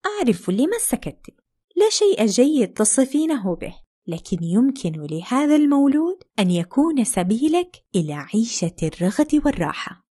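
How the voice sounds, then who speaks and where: A woman's voice: fairly high pitch, sing-song, normal speed, mellow, husky. A woman voicing a young princess and mother in a fairy tale, fearful and sarcastic by turns. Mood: anxious, haughty. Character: anxious proud princess, young mother, sharp-tongued.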